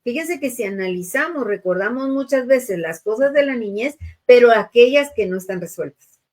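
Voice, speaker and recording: A woman's voice: on the high side, expressive, normal speed, a little mellow. A middle-aged woman hosting a show, talking earnestly about grief and faith and speaking straight to her listeners. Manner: earnest, addresses listeners directly, frequent tag questions. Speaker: radio or TV show host.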